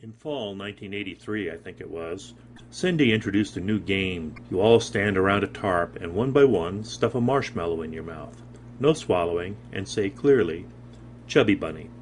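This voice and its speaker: A man with a very low voice lays out the rules of an old youth game step by step. There is a faint noise under his voice. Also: lively intonation. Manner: measured, explanatory. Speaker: tribute speaker. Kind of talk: explaining a game in a tribute.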